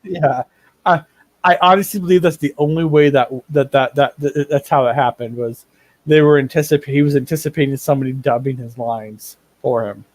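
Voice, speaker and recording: A man's voice: medium pitch, steady tone, normal speed, no room sound. A man running a tabletop game as game master, rambling through tangents and repeating words as he builds his point.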